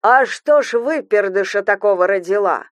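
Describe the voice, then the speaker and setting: A woman's voice: medium pitch, animated, no room sound, close to an everyday voice. A woman voicing a venomous, hissing older mother-in-law. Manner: slow, cold, hissing and contemptuous.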